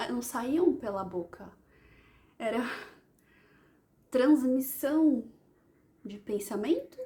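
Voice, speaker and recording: A Brazilian Portuguese-accented woman tells a personal story on her channel. Her voice sits somewhat high, and she speaks in a halting, reflective way, pausing often to search for words. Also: a little mellow. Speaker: vlogger.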